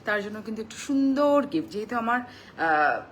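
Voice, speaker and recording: A woman in her thirties hosting a live clothing sale, chatting and thanking viewers by name and mixing in English phrases, talking softly after dental surgery. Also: a little high, big pitch swings, moderate pace, slight background noise. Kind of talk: live-stream sales chat.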